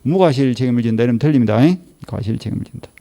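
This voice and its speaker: A middle-aged male law lecturer with a Gyeongsang Korean accent teaches an exam-prep course in a gravelly, dark, mid-pitched voice at a racing pace. He nags his class and fires off one rhetorical question after another.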